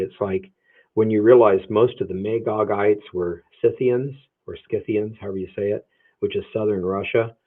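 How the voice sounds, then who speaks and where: Gravelly low-voiced man answering livestream questions. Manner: thinking aloud, hedging, many restarts. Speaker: Bible prophecy teacher answering viewer questions. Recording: phone-like narrow sound.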